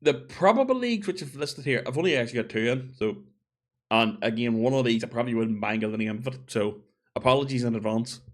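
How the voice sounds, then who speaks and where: A man's voice: mid-range voice, expressive, fast talker. A man giving a casual opinion monologue, chatty and thinking aloud as he corrects himself. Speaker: gaming video creator.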